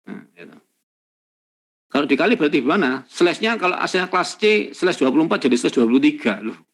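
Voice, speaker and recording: A man's voice: on the high side, very animated, fast talker, a bit bright. A man giving a university lecture, emphatic and repetitive, with many rhetorical tag questions. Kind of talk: classroom lecture.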